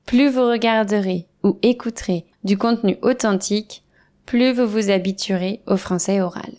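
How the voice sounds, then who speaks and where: A French teacher, a woman, giving a scripted lesson with clear, deliberate explanations and spoken examples. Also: medium pitch, darkish tone.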